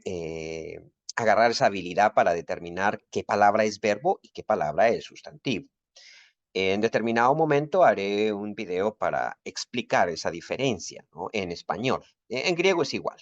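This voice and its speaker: A man's voice: on the low side, no echo, muffled recording. A man teaching a recorded Bible Greek lesson, explaining grammar rules patiently and methodically.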